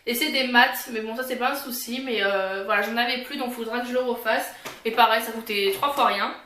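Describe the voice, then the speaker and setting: A woman's voice: fairly high pitch, fairly quick, pushed and bright. A woman vlogger casually showing and describing her purchases in a chatty way, her speech slightly impeded by a new tongue piercing. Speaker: vlogger presenting a shopping haul. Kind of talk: casual chatty product show-and-tell. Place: indoors, in a bedroom. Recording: echoey room with faint background noise.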